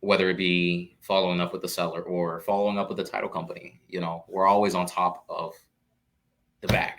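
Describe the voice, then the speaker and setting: Young man in his twenties, slightly low voice, relaxed casual guest with lots of fillers. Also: brisk. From Florida, US. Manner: relaxed, peppered with "you know" and restarts. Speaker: guest, real estate investor. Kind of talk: casual live Q&A chat.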